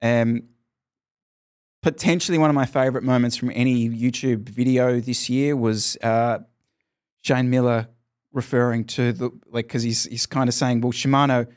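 A man co-hosts a cycling podcast, chatting casually and rambling with enthusiasm, full of "like" fillers and restarts. His voice is medium-pitched and a little mellow, with fairly even intonation at a normal speed.

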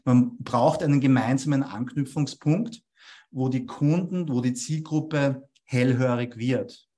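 Speaking a little slowly in a dark, mid-range voice, a young Austrian man from Vienna lays out copywriting ideas as an interview guest, checking in with a questioning "ja?" after his points.

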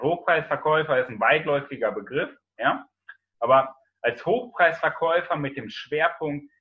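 A man's voice: fairly high pitch, muffled recording. A man hosting an interview, enthusiastic as he introduces his guest. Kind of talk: casual interview talk.

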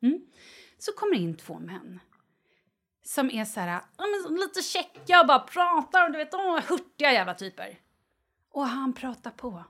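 A middle-aged woman with a high, bright-sitting voice talks in a loose, chatty podcast style. She tells stories with theatrical flair, swears often, and drops into hushed, whispered asides before bursting back to full voice. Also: big pitch swings. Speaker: podcast co-host. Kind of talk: casual chat.

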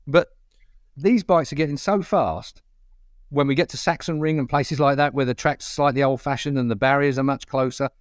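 A man's voice: mid-range voice, normal speed, no echo. Opinionated Essex man, close dry sound. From Essex, England. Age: middle-aged or older. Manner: blunt, colloquial, emphatic. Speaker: motorcycle racing pundit. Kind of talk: opinionated casual panel talk.

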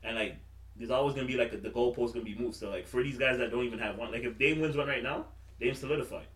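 A man's voice: mid-range voice, fast, a bit bright, recorded from a distance. A man hosting casual sports banter in a slangy, profane, frat-bro teasing manner. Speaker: podcast host. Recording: roomy, off-mic, faint noise.

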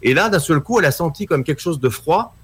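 A man's voice: on the high side, fast talker, slight background noise. A middle-aged man, a guest documentary maker, telling a story casually and acting out the voices of the people in it. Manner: animated storytelling, acts out quoted dialogue.

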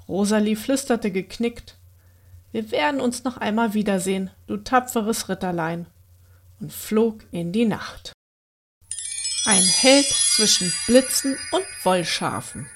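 A woman with a slightly high voice reading a bedtime story to young children. Her reading is gentle and expressive.

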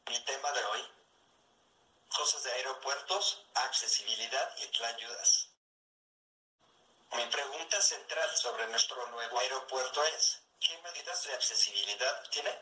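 A man's synthesized computer voice, like an old speech synthesizer, giving scripted commentary in a measured, mechanical way. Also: mid-range voice, bright, forceful tone, low-quality recording. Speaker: guest commentator.

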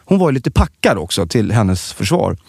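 A man co-hosting a podcast, chatting casually and telling stories with animated delivery. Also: gravelly, slightly rough, no room sound, studio quality. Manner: animated storytelling, lively pitch. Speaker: podcast co-host. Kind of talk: casual chat.

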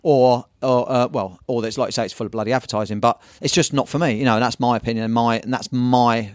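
Fast-talking English surf-shop owner. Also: male voice, medium pitch, no room sound, clean studio sound. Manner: rambling, animated storytelling with slang and swearing. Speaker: guest, surf magazine owner. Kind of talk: casual podcast chat.

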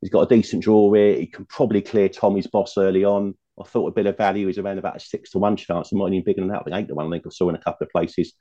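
A man's voice: low-pitched, fairly even intonation, rapid-fire, few pauses, warm tone, dull audio. A man talking through his betting picks as a racing pundit in a chatty, rambling way, full of asides. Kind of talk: casual betting chat.

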